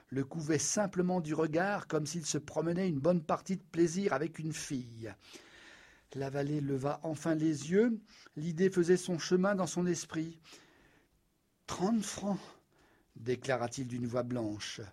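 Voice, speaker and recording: A man narrating an audiobook in a measured, wry storytelling manner. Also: on the high side, darkish tone, breathy edge.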